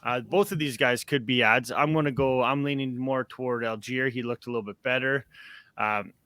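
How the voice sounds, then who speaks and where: A man's voice: mid-range voice, steady tone, moderate pace, pushed and bright, no room sound. A young man hosting a casual sports podcast, upbeat and rambling with plenty of fillers. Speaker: podcast host.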